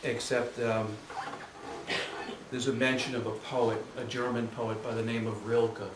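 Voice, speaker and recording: Slow-paced man reading poems aloud. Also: mid-range voice, flat delivery, background noise. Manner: hesitant, filler-heavy introductions; slow, measured reading. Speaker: poet giving a reading. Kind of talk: live poetry reading. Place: room at a live reading with an audience. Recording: roomy, distant mic with faint ambience.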